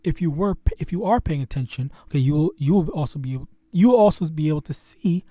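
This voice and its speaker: A man with a fairly high but dark, mellow voice teaches scripture casually on his own channel. He stumbles and stutters, circling back with "um" and "you know" as he talks. The sound is dry and close. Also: lively intonation, no room sound. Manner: halting and stuttering, heavy with fillers. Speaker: host of a religious teaching channel.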